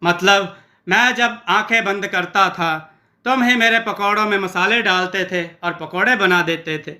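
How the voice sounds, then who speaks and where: A man's voice: sits high, measured pace, pushed and bright, heavily acted. A man doing a fretful lazy young cook. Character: timid, lazy young male pakoda cook.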